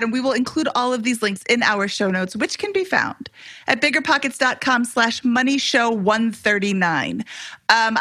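A woman's voice: a little high, pushed and bright, no room sound, studio quality. A woman co-hosting a podcast in a casual, upbeat, chatty way. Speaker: podcast co-host.

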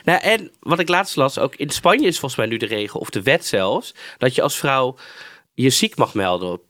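A man's voice: medium pitch, big pitch swings, moderate pace, a bit bright, dry recording, clean studio sound. A man co-hosting a podcast in casual chat, asking questions with hesitant restarts. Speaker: podcast co-host.

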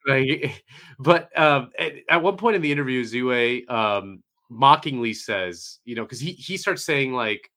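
A man's voice: medium pitch, animated, unhurried, sharp tone. A man co-hosting a podcast, rambling reflectively with lots of fillers. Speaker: podcast co-host. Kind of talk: casual chat.

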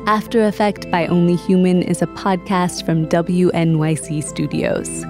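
A woman host narrates a documentary podcast in a measured, reflective manner. Her voice sits a little low. Soft guitar music plays behind her. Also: fairly even intonation. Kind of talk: documentary narration and phone interview.

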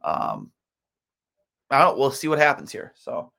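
Tired man with a gravelly voice. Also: mid-range voice, huge pitch swings, unhurried, sharp tone. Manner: rambling, filler-heavy with many restarts. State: tired, yawning. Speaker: sports podcast host. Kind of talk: solo sports podcast commentary.

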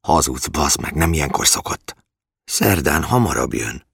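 A man's voice: very deep voice, animated, creaky, fairly bright tone, husky, no room sound, clean studio sound, full character voice. A man voicing a desperate, threatening young man who swears and hisses his words. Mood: hissing. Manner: hissing, aggressive, swearing.

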